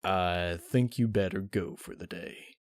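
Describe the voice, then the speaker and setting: A man voicing a big, gentle male farm pony who speaks slowly and thoughtfully. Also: no room sound, clean studio sound. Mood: subdued, gentle. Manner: slow, low-key, deliberate.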